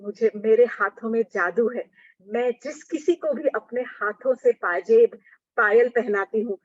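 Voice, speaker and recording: A woman voicing Krishna disguised as a proud village goldsmith woman, sharp-tongued and huffy. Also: fairly high pitch, a little slow, no room sound. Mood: coaxing. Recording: dull lo-fi recording.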